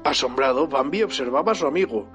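A father reading a storybook aloud to his child with animated, expressive delivery. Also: medium pitch, quick pace, faint music behind.

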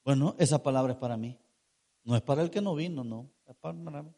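A man's voice: mid-range voice, fairly quick, creaky, dark tone. A man preaching a sermon, emphatic, asking rhetorical questions and drawing out key words.

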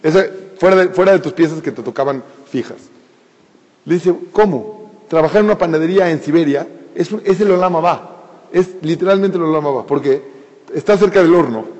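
A man telling a sermon story, animated and speaking directly to his listeners. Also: fairly high pitch, a little fast. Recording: dull sound with long hall reverb.

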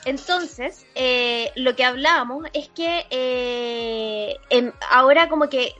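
A woman's voice: high voice, slow pace, pushed and bright, soft background music. A young woman with a Chilean accent, chatting casually as a podcast co-host. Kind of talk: casual chat. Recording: dull lo-fi audio.

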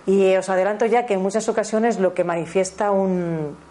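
A woman's voice: medium pitch, fairly even intonation, mellow. A woman in her fifties with a Spanish accent from Spain, a teacher giving a spiritual talk on parenting, who often corrects herself and checks in with her listeners. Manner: fast, self-correcting, checks in with the audience.

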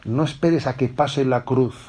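A man's voice: medium pitch, unhurried, mellow. Middle-aged guy from preaching at a youth retreat, chatty, keeps going "eh?" "no?", bit of faint hiss behind. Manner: conversational preaching, peppers sentences with tag questions. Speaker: bishop giving a retreat talk. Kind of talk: spiritual retreat talk to young people.

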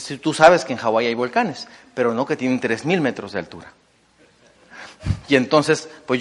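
Lively Mexican man in echoing hall. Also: medium pitch. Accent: Mexican Spanish. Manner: animated, enthusiastic storyteller, many fillers and rhetorical "¿no?". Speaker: motivational business speaker. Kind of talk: storytelling talk to an audience. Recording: long hall reverb.

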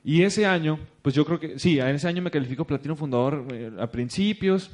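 Animated young Mexican man giving a talk. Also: on the high side, fairly quick. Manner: lively, acts out quotes with bursts of emphasis. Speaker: seminar speaker. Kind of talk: motivational storytelling talk. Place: stage before a seated audience.

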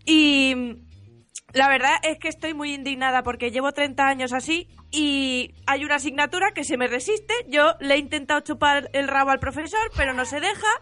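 High bright woman telling a crude comic story. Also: normal speed. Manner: giggly, crude jokes. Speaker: improv player.

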